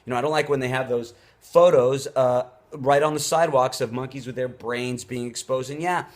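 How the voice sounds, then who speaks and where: A man's voice: mid-range voice, fairly even intonation, normal speed. Indignant man on an emphatic rant. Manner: emphatic, indignant, stressing words. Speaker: show host. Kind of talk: off-the-cuff opinion rant.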